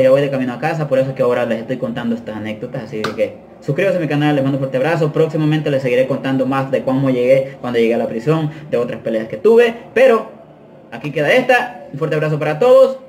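A man's voice: mid-range voice, a little mellow, a little hiss or hum. A man telling a story casually in a vlog, using slang, dropping in English phrases and often restarting his sentences. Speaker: vlogger telling prison stories.

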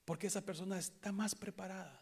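A man preaching a sermon with a Latin American Spanish accent, swinging from hushed near-whispers to loud impassioned outbursts in a church. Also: high voice, fairly even intonation, fast talker, creaky, slightly rough. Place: church sanctuary in Chicago.

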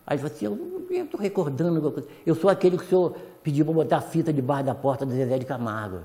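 A man's voice: fairly high pitch, big pitch swings, very fast, dark tone, big-room sound. A man guesting on a TV talk show, telling an emotional story full of quoted dialogue. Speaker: songwriter guest.

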